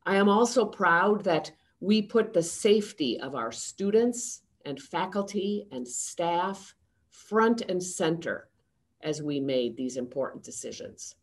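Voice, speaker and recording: A woman in her sixties, a seminary president, giving a prepared address over a video call from a home study. She speaks in a measured, formal and steady way. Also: lowish voice. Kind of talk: prepared address to a town hall.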